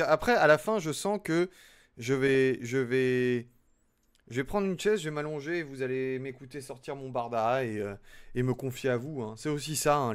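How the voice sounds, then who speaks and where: A man's voice: mid-range voice, clear, resonant tone. A young man chatting casually with his live-stream audience as he builds, chatty and self-mocking. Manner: chatty, self-mocking, talks to chat while working.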